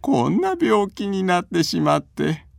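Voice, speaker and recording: Man playing a sick old man, bedridden, high quavering voice, very slow, gravelly. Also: very animated, no echo, studio quality, exaggerated voice. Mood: wistful. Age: older.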